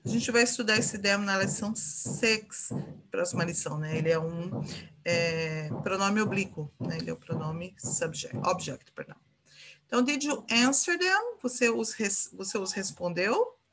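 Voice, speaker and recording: A woman's voice: medium pitch, animated, moderate pace, fairly bright tone. A Brazilian woman teaching an English grammar lesson, patiently repeating example phrases and checking in with her students.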